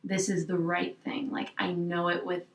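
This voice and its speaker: This guest, a woman in her twenties, thinks out loud during a candid interview, wandering and reflective, with "like" scattered everywhere. Her low-leaning voice is delivered completely flat at a moderate pace. The mic is far away, so the echoey room comes through and she sounds slightly off-axis.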